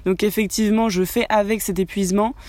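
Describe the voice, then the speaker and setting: A woman's voice: mid-range voice, steady tone, brisk, a little mellow, dry recording. A young adult woman, a contemporary dancer, answering radio interview questions with many hesitations and restarts.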